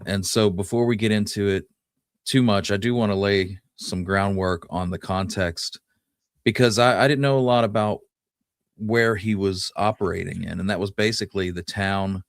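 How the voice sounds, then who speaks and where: Recorded at studio quality with no echo, a man with a deep voice co-hosts a Western history program, chatting casually as he explains the history.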